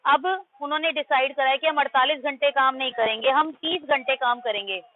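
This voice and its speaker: A woman's voice: high voice, a little fast, no echo. A woman teacher giving a math class in Hindi-English mix, firmly correcting her pupils' pronunciation and quizzing them. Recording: tinny phone-like line.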